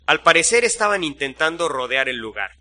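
A man narrating a first-person story in a steady, suspenseful storytelling manner. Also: on the high side, fairly quick.

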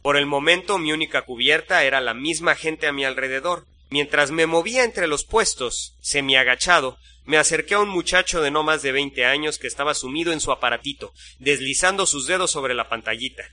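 A male narrator tells a first-person story in a steady, suspenseful way. His voice is very bright and sits a little high. He keeps an even, measured flow as he narrates.

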